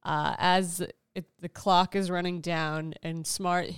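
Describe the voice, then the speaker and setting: A woman's voice: lowish voice, fairly even intonation, slow, smooth, no echo. A woman co-hosting a casual sports betting talk show, chatty and teasing with a fan's enthusiasm. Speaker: co-host.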